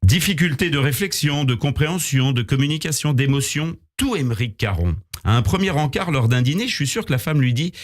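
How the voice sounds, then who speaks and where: A man reading a scripted comic column on the radio in a small studio, with wry, deadpan asides. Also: on the high side, brisk, few pauses. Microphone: studio microphone.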